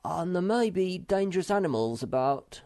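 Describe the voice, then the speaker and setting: A young male troll from a storybook, played by a woman, speaks in a raised, lively voice. He sounds boyish and earnest, protective and quick to fret, stressing his words emphatically. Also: low voice, vocal fry, no room sound, studio quality, pitched above the performer's own voice, heavily acted. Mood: worried.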